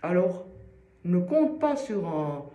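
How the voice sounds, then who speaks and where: Animated, high-voiced man teaching singing. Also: slow pace, reverberant, dull audio. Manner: explains patiently with everyday comparisons. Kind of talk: informal voice lesson addressed to one student.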